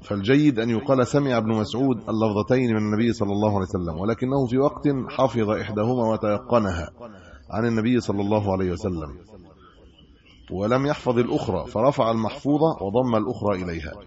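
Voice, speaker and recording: A man's voice: lowish voice, fast, a little mellow. A middle-aged man with an Egyptian accent, a sheikh teaching hadith commentary, who reads the texts aloud and then explains them in colloquial asides. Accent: Egyptian Arabic. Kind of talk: religious lesson reading and explaining hadith. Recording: dull lo-fi lecture recording.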